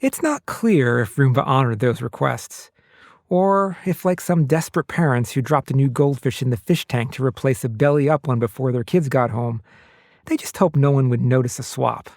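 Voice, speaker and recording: A man hosting a podcast, reading scripted narration in a measured way. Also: medium pitch, darkish tone, no echo, clean studio sound. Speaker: podcast host.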